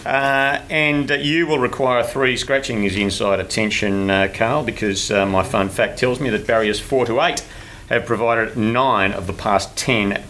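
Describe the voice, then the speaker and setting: A man's voice: medium pitch, a little slow, fairly bright tone. A man hosting a horse racing preview, talking through tips in a stop-start, hesitant way. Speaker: racing show host. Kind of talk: horse racing tipping talk. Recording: faint background noise.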